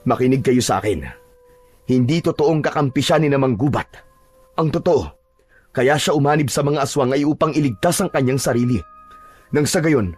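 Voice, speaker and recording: A man voicing a calm, steadfast village chieftain in a narrated horror audio drama, speaking in a measured, reassuring way. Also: mid-range voice, slightly rough, lightly acted.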